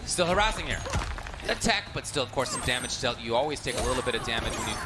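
A man giving animated live colour commentary on a fighting game, stretching out his exclamations. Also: mid-range voice, fast. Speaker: esports commentator. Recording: loud music behind the commentary.

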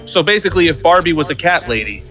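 Young man, joking, swears, lively pitch, bright tone. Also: soft background music. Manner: joking, swears, quick reactions. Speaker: guest player. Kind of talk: casual let's-play chat.

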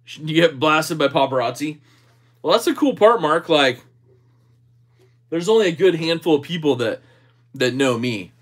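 A man's voice: on the high side, lively intonation, moderate pace, pauses often. Easygoing man chatting on a livestream. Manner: jokey, easygoing. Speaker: livestream host. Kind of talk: casual livestream chat, reading and answering viewer comments.

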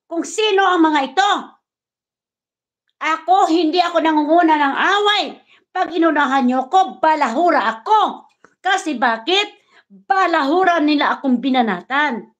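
A high-pitched woman from the Philippines talks straight into the camera in a heated, combative rant. She taunts, swears freely and jumps between two languages. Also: a bit bright. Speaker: vlogger. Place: living in the United States.

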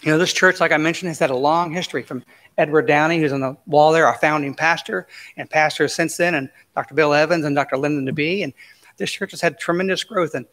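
A man's voice: on the high side, fast, a bit bright. Folksy preacher man in a reverberant church. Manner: folksy, anecdotal storytelling with casual asides. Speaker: pastor. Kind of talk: conversational sermon. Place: church sanctuary. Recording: long reverb of a church sanctuary.

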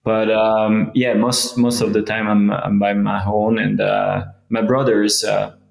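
Slow, gravelly man. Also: fairly low pitch, flat delivery. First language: French. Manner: halting, many fillers and restarts. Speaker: guest, freeride skier. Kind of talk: casual interview. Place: indoor room, remote video call. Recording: echoey room sound.

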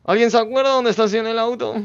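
A man giving casual gameplay commentary, chatting to himself and his viewers with sudden loud outbursts. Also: very high-pitched, fairly even intonation, fast talker, creaky, clear, resonant tone, lo-fi sound. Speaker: gameplay streamer.

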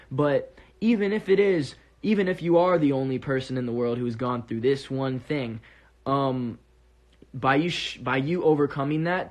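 A man talking earnestly to his fans in a casual livestream monologue, rambling and restarting his sentences, recorded on a phone. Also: medium pitch.

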